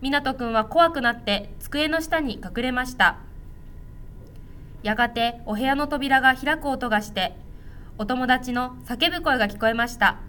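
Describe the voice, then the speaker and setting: Storyteller for kids: gentle, clear woman, high and bright, reading aloud. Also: a little slow, slight background noise.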